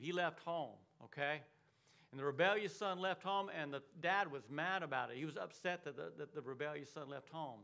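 High-pitched guy giving a sermon, keeps asking okay? amen?. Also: gravelly, bright, forceful tone. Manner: emphatic preaching with repeated words and frequent "okay?" and "amen?" checks. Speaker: pastor.

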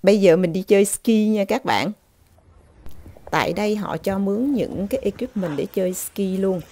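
Give me a woman narrating a casual vlog, filler-heavy, with a mellow, fry-tinged voice. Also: medium pitch, moderate pace, a little hiss or hum. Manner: chatty, filler-heavy, exclaims at scenery. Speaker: vlogger. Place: outdoors in a snowy park, then at home.

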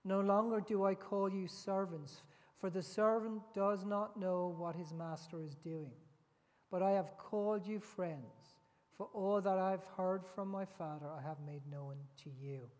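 A middle-aged man preaching a sermon at a lectern in a large indoor church hall, deliberate and fond of rhetorical tag questions. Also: sits high, darkish tone. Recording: long hall reverb.

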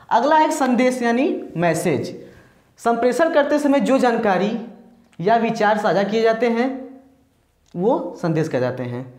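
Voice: mid-range voice, darkish tone. A teacher giving a step-by-step lecture, often repeating points and checking in with "ठीक" before moving on. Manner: mixes in English terms alongside Hindi ones. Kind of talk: recorded classroom-style lecture. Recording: echoey room.

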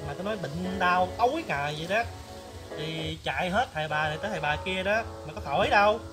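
A man's voice: sits high, fast talker, close to an everyday voice. A man playing a chatty, nosy older village flower seller woman with a Southern Vietnamese accent, exclamatory and gossipy in a comedy skit. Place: outdoors in a palm garden. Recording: loud background music.

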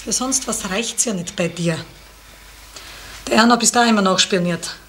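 An actress playing a scolding, bossy village innkeeper in a 1970s radio drama. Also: female voice, medium pitch, natural voice. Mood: scornful. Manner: scolding, bossy, quick to shout. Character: sharp-tongued village innkeeper woman. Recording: echoey, hissy 1970s radio play.

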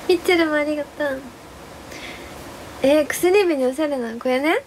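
A hoarse young woman chatting casually on a live stream, bubbly and playful as she thanks viewers for gifts. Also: high-pitched, a little hiss or hum, poor audio. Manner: playful exclamations and cute drawn-out reactions. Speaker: live streamer, former idol.

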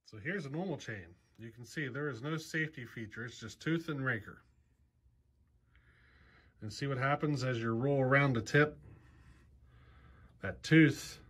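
There's a breathy edge to this mid-range voice. It belongs to a chainsaw channel host in his forties who explains things casually and practically, with plenty of ums and you-knows, while a close handheld camera records him in a cluttered indoor workshop garage.

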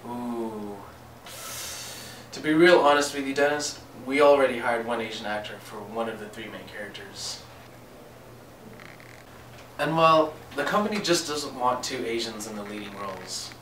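A young man in an amateur student skit plays an upbeat producer who talks his way around things. His voice is bright. The room is echoey, he is a little off mic, and faint noise sits underneath. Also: medium pitch, animated, moderate pace, pauses often. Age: young adult. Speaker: student actor playing a casting producer. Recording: roomy, distant, faint noise.

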